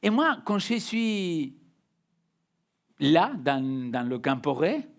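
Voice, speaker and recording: Very animated yet slow, this young man's fairly high voice carries a French sermon spoken with a non-native accent. As a pastor, he preaches emphatically, repeating words and shifting from booming to hushed.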